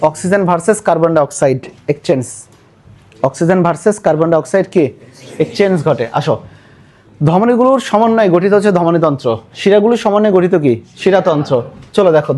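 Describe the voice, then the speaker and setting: A man teaches biology with a Bangladeshi Bengali accent, his voice sitting notably high. He runs the lesson as call-and-response, firing the same questions repeatedly and calling for louder answers. He slips English words into his explanations. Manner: drills students with repeated questions, urges them to answer louder.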